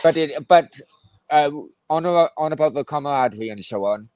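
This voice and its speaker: Halting Welsh Valleys man in his forties, close-miked. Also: on the high side, lively intonation, darkish tone, dry recording. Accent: South Wales Valleys. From Merthyr, South Wales. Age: 40s. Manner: halting, hesitant delivery with many pauses. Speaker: interview guest, former councillor. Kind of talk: reflective casual interview answers.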